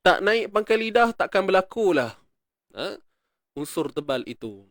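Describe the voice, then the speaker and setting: A man with a Malaysian Malay accent teaching Quran recitation rules, explaining patiently, repeating words slowly and chanting verses. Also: high voice, big pitch swings, no room sound, clean studio sound. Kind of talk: tajwid lesson, explaining and reciting.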